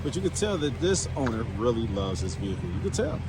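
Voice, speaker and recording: A man narrates his car work in a casual vlog. His pitch swings lively up and down, and he sounds pleased as he repeats his praise. Steady background noise sits behind his voice. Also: fast. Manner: relaxed and enthusiastic, repeats praise with exclamations. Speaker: auto shop owner. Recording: noisy background.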